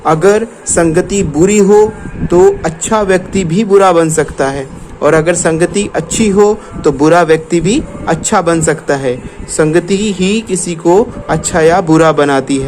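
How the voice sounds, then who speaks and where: Slow, measured male teacher. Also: a little high, a little hiss or hum. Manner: addresses children warmly and directly, measured storytelling. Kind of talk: reading and explaining a children's story lesson.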